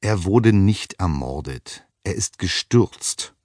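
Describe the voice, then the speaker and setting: A man's voice: on the low side, steady tone, normal speed, darkish tone, no echo, studio quality, lightly acted. A male audiobook narrator voicing a fussy, dismissive academic who mumbles his replies. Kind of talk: audiobook character voice.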